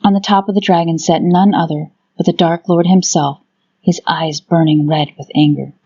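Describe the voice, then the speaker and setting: Low-voiced woman narrating fantasy. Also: steady tone, normal speed, mellow, husky, muffled recording. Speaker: audiobook narrator. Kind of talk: scripted dramatic fantasy narration.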